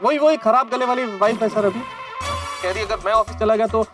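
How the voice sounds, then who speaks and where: A man's voice: sits high, brisk, over music, natural voice. An actor playing a flustered, deferential male employee in a sitcom, stammering and repeating himself. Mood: flustered, pleading. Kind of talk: sitcom acting.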